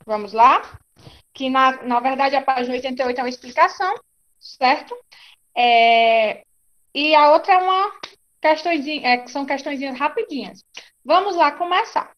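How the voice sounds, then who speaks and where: A woman's voice: high-pitched, normal speed, muffled recording. A woman with a Brazilian Portuguese accent teaching an online class, reassuring and often asking "tá certo?".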